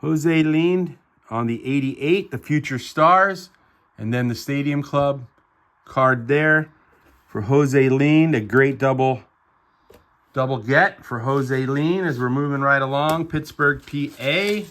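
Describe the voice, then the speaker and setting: Bright-voiced enthusiastic middle-aged man. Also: mid-range voice, slow pace. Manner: upbeat and enthusiastic, chatty asides. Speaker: card collector vlogger. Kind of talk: casual show-and-tell narration.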